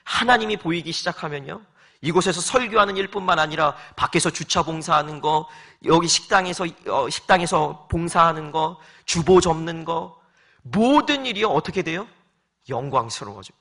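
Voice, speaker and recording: A man's voice: fairly high pitch, moderate pace. A male pastor preaching a sermon in a church, asking his congregation questions and repeating his points with pleading emphasis. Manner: lively, rhetorical questions, pleading repetition. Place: church sanctuary.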